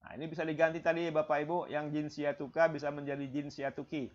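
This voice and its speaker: Guy teaching arabic on a video call, kinda high voice, dull lo-fi sound, keeps saying "ya". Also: little pitch movement. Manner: explains slowly, repeats phrases, ends lines with "ya". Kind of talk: online language lesson.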